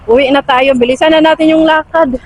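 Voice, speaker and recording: A Filipina vlogger with a high-sitting voice walks outdoors beside a river, chatting casually to her viewers through a handheld phone and exclaiming often. The recording is rough.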